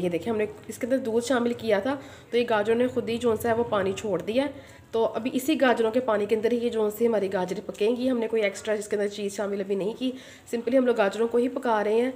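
Talking at a quick pace in a fairly high, steady voice, this woman runs a home cooking channel and shows a recipe step by step at her stove. She chats straight to viewers and often adds a pious phrase, while her echoey kitchen rings with loud sizzling, clanking pans, and slight background noise.

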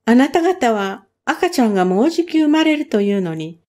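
A woman's voice: on the high side, very animated, normal speed, warm tone. A woman doing a fussy green frog. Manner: croaking song, raised voice. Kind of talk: storybook reading.

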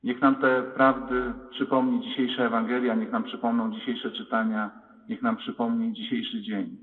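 A man, a priest, preaching a lively sermon in a large church, acting out the voices he quotes. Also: mid-range voice, normal speed, distant mic, a little hiss or hum. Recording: tinny lo-fi church recording with long reverb. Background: long church reverb.

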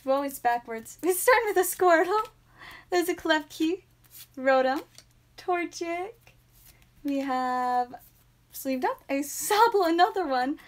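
A young woman hosting a live stream from a small home room, chatting casually and naming each card aloud with bursts of excitement. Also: high voice. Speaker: live stream host opening card packs.

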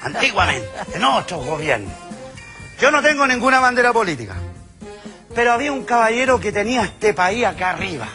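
A man in his fifties with a Chilean accent doing a crude, loud stand-up routine, slipping into quick character voices. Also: sits high, very animated, soft background music. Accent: Chilean Spanish. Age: 50s. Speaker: stand-up comedian.

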